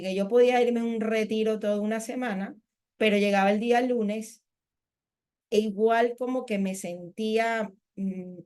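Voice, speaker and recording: A woman's voice: fairly high pitch, a little mellow. A middle-aged woman from Panama, a spiritual teacher giving a workshop, sharing a candid personal testimony in a chatty, rambling way. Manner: candid, conversational storytelling with many "o sea" asides.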